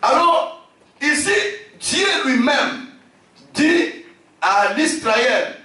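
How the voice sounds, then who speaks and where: A man from Africa, a bishop preaching a sermon, emphatic, repeating his phrases and shouting key lines. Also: very high-pitched, animated, drawn-out words. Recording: very echoey hall, distant from the mic.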